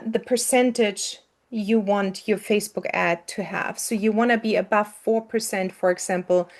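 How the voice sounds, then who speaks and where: A woman gives a casual step-by-step marketing lesson to her students. She talks in a loose, chatty way, full of fillers and self-corrections. Her voice sits at an ordinary middle pitch. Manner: chatty, with frequent fillers and restarts. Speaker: marketing coach.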